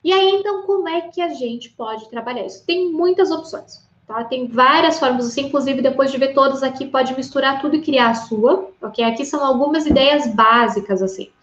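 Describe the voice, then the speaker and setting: A Brazilian woman teaches a casual online language lesson in a fairly high voice, chatting along and checking in with her listener. The sound is roomy and a little dull. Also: normal speed, few pauses, a bit bright. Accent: Brazilian Portuguese. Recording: roomy, slightly dull recording.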